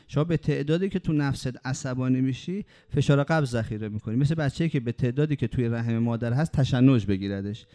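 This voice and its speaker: Dark-voiced male preacher. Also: mid-range voice. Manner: emphatic, rhetorical questions. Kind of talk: sermon with anecdotes.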